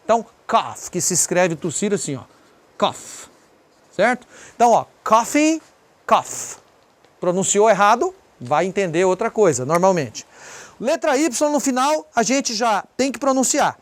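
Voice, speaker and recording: A teacher with a Brazilian Portuguese accent walks through a pronunciation lesson at an even middle pitch. Example words are repeated slowly and pointed out one by one, in a patient, explanatory way. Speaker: English teacher.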